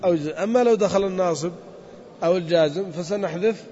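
A man teaching a grammar lesson to a class. He drills the students with questions and drags out the example words slowly. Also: high-pitched, mellow. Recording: dull audio with long reverb.

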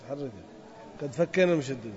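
A man teaching a grammar lesson to a class. He drills the students with questions and drags out the example words slowly. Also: medium pitch, a little mellow. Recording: dull audio with long reverb.

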